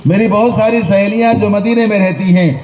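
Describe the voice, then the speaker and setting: A man's voice: sits high, fairly even intonation, background noise, pitched above the performer's own voice, natural voice. A man voicing a tearful, ashamed young girl in a sermon story. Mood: tearful lament. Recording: echoey, distant, dull hall recording.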